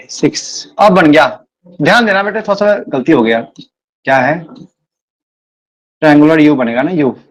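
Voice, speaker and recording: Male math teacher, high voice, repetitive and direct with students. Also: fairly bright tone. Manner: repeats words, addresses students as beta; admits speaking fast. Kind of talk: live online class lecture.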